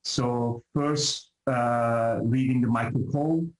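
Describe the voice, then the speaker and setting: Speaking slowly in a mid-range voice with fairly even intonation, a middle-aged Turkish-accented professor from Turkey answers interview questions. The rough, reverberant recording captures his hesitant, reflective academic answers, which are thick with fillers and restarts.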